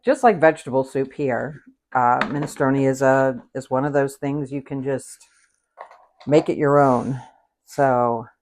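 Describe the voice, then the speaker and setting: A middle-aged woman hosting a live cooking stream from her home kitchen, chatting casually and greeting viewers by name. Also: low-pitched. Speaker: cooking show host.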